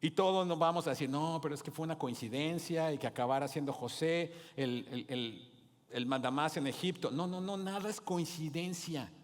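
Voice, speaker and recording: A man's voice: on the high side, normal speed. A man preaching a sermon as pastor, with rising emphasis and calls to the congregation. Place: church hall. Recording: long hall reverb.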